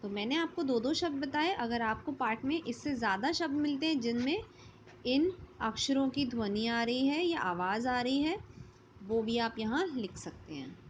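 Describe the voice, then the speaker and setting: A woman's voice: fairly high pitch, animated, moderate pace, slight background noise. A woman teacher going through a workbook lesson, patiently sounding out letters and words. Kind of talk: online class lesson. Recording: slightly dull lo-fi audio.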